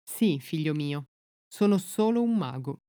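A woman reading the lines of an old king who is secretly a magician, in a calm, measured way. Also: deep voice, dry recording, studio quality.

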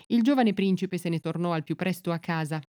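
A woman narrating a literary excerpt and fairy tale in a measured, unhurried audiobook reading. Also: lowish voice, dark tone, no echo, studio quality.

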